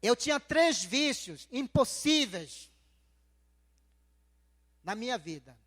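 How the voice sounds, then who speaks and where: A man with a strikingly high voice gives his testimony to a church congregation, speaking slowly and earnestly. His first language is Nheengatu, and he keeps returning to the same phrases as he tells the story. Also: very animated, fairly bright tone, big-room sound. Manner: slow, heartfelt storytelling with repeated phrases. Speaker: guest speaker giving testimony.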